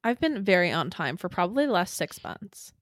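A woman's voice: lowish voice, very animated, fairly quick, no echo. A woman co-hosting a podcast, bantering and teasing her co-host with dry remarks. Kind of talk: casual podcast chat.

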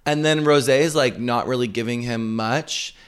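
A man co-hosting a podcast in casual chat, telling stories in a profane, animated way full of "like". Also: medium pitch, moderate pace, smooth. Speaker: podcast co-host.

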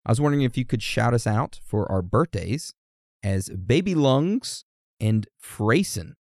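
A man's voice: mid-range voice, animated, a little slow, dry recording, clean studio sound. A man co-hosting a podcast, reading listener birthday messages in a casual, teasing, easily amused way. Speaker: podcast co-host.

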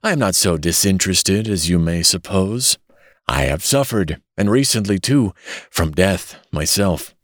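A man putting on a smooth, falsely sympathetic villain. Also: sits low, no room sound, clean studio sound. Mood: mock mournful. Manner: soft, consoling, slyly sneering. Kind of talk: audiobook reading.

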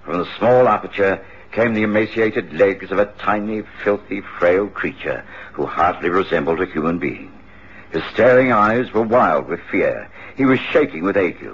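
An actor playing Dr. Watson, a doctor and loyal companion, who narrates the story in the style of a radio drama. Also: male voice, deep voice, animated, normal speed, breathy edge, heavily acted. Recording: muffled radio drama recording.

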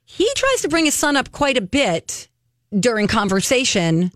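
A woman's voice: fairly high pitch, big pitch swings, moderate pace, fairly bright tone, no room sound. Chatty woman co-host, dry studio sound. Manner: chatty storyteller, recaps with quoted asides. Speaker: radio show co-host. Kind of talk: casual talk-radio chat.

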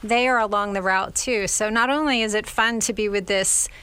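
Upbeat female guest of middle pitch, speaking for a charity. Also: steady tone, moderate pace, fairly bright tone, smooth. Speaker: charity board president, guest. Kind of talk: radio interview.

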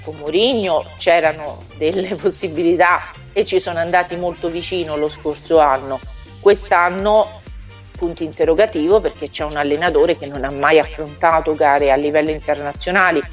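A woman with a fairly low voice comes through over a phone call, talking sport as a pundit. She speaks in a measured, analytical way, weighing each point. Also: soft background music. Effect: heard over a phone or internet call. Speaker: football pundit calling in.

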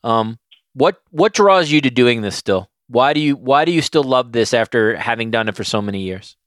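A man hosting a podcast, asking interview questions in a measured way with a few ums. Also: medium pitch, expressive, no room sound, clean studio sound. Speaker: podcast host.

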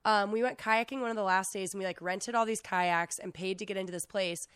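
An American woman of about thirty, hoarse from being sick, casually telling an animated story in filler-heavy speech. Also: medium pitch, a little fast, dry recording. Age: around thirty. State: sick, hoarse, losing her voice. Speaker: podcast host. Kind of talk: casual chat, telling a travel anecdote.

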